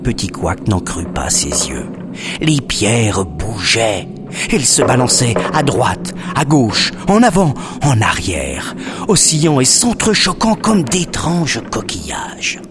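A man narrating a children's story expressively, dropping to a hush at suspenseful moments. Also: mid-range voice, sing-song, slow pace, over music.

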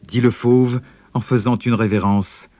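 A man narrating a storybook in a measured, expressive way. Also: mid-range voice, soft background music.

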